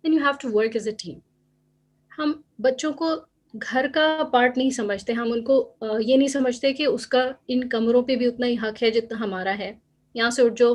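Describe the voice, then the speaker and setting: A woman gives a parenting seminar online, her voice sitting fairly high. She mixes English phrases into her Urdu and acts out what parents say to children. It sounds like a computer mic on a video call. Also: darkish tone. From Pakistan. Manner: acts out parents' remarks in quotes. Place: home or office, online seminar.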